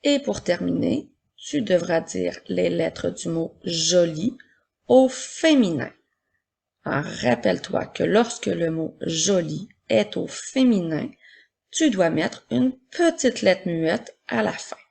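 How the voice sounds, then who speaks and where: A woman teacher with a husky, slightly gravelly voice reads words aloud at an unhurried pace for a children's dictation. She explains each step with patience, as if to first graders. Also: lowish voice, animated, a little mellow. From Quebec, Canada. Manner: slow, patient, explaining step by step to young pupils. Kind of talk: recorded spelling and dictation lesson for children.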